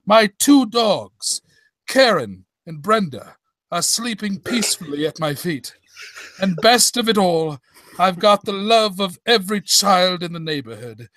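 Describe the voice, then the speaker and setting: Flustered, kindly old doctor, played by a man: high, bright voice, halting slow rambles, radio comedy. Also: very animated, dry recording, exaggerated voice. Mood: contented, rambling. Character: Doctor Watson, befuddled, sentimental, kindly old storyteller.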